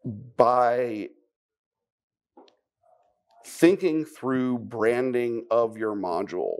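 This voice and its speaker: A man giving a live technical conference talk, conversational, with wry asides and quick questions to the audience. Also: lowish voice, darkish tone. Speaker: conference speaker.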